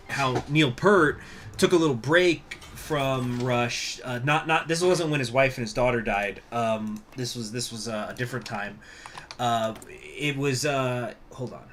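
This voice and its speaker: A man's voice: medium pitch, fairly bright tone, slight background noise. A young man hosting a strategy game video, rambling in crude, meandering commentary and often losing his train of thought. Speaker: gaming channel host.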